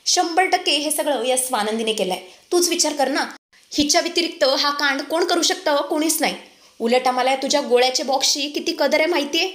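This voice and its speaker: A woman's voice: sits high, fairly quick, a bit bright, roomy sound, voice pushed up. A woman voicing a spiteful young sister who insists on blaming the wife. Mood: accusing. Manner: accusing, insistent.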